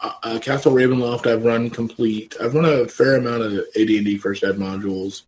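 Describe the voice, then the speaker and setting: A man's voice: mid-range voice, steady tone, fairly quick, darkish tone, a little hiss or hum, low-quality recording. Blunt man in his late thirties. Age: late 30s. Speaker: podcast co-host. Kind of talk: casual chat.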